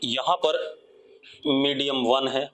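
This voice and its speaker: A man with an Indian accent teaching a live online physics class, coaxing students with repeated questions and dictating definitions slowly. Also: medium pitch, fairly even intonation, a bit bright.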